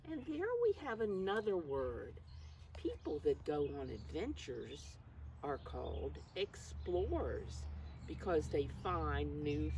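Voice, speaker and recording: Reading a picture book aloud, this mature preschool teacher has a low voice and animated, encouraging delivery, addressing the little ones directly with simple explanations. The microphone is distant, picking up faint background noise.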